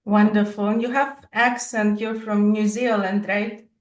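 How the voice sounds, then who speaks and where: Host: woman, mid-pitched, curious and friendly, roomy echo, set back from the mic. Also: fairly even intonation, measured pace, recorded from a distance. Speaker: podcast host. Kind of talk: interview conversation.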